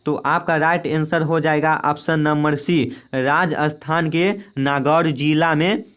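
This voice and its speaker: Young male tutor, clear and slightly high, patient and repetitive, reading multiple-choice questions. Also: fairly even intonation, measured pace, fairly bright tone. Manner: repetitive, drilling each answer with "remember it well". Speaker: exam-prep teacher. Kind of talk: quiz lesson reading questions and options.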